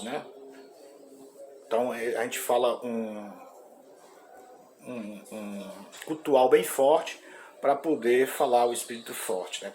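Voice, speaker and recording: A man with a Brazilian Portuguese accent teaching a Greek grammar class in an informal way, often ending phrases with a questioning "né?" and pausing on fillers. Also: mid-range voice, slight background noise. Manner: frequent "né?" tag questions and hesitant fillers.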